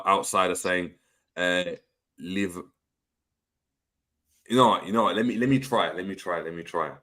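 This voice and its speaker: A young podcast host with a fairly low, slightly bright voice runs a casual football chat and reads out viewer comments. He's laid-back and slangy, often stumbling and repeating words.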